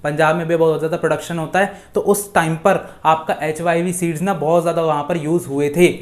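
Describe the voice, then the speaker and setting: ऊँची आवाज़, पुरुष, हिंदी में समझाता, अंग्रेज़ी नोट्स धीमे पढ़ता, भारतीय लहजा. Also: male voice, fairly high pitch, fairly even intonation. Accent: Indian English. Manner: mixes Hindi with slow English read-outs from notes. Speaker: teacher. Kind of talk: live online exam-revision lesson.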